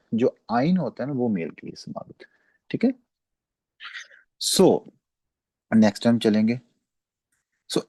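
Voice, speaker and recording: धीमे बोलने वाला पुरुष भाषा शिक्षक. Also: male voice, mid-range voice, mellow, no echo. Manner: explains slowly, repeats words and says "theek hai" often. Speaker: German language teacher. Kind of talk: classroom lecture on pronunciation.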